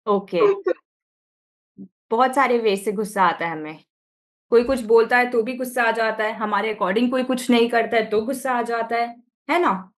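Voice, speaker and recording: High-voiced Indian woman teaching online. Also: moderate pace. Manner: asks the class short check questions. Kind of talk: online class lesson. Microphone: video call.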